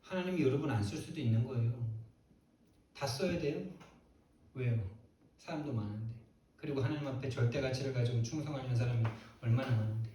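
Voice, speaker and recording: A male pastor preaching a sermon in a church, emphatic and quick to put rhetorical questions to the congregation. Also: medium pitch, warm tone, a little hiss or hum. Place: church sanctuary. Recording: very echoey church hall, mic far off.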